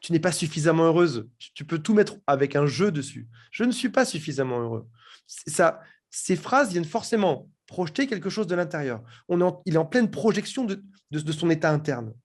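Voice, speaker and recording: A man speaking as an interview guest, explaining in a lively way and often repeating words as he thinks. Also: on the high side, a little fast, few pauses.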